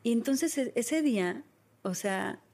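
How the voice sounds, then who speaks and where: This podcast host, a woman in her thirties with a Mexican accent, speaks slowly in a fairly high, animated, darkish voice with vocal fry. She shares a personal story in a candid, casual conversation full of fillers.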